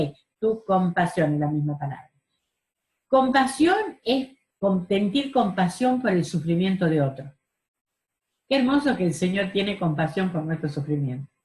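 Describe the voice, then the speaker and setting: A woman's voice: lowish voice, darkish tone, roomy sound. A woman teaching a Bible study class over a video call, earnest, stressing key words and asking rhetorical questions.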